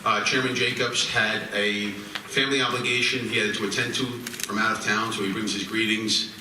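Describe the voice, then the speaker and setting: A man's voice: lowish voice, little pitch movement, brisk. An American man acting as master of ceremonies, making formal announcements at a public event. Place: large echoey room at a public ceremony. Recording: echoey hall, distant mic, noisy.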